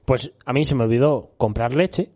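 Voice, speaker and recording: A man's voice: mid-range voice, normal speed, warm tone. A young man from Spain, co-hosting a casual chat and telling a rambling story, often laughing and saying "tío". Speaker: co-host.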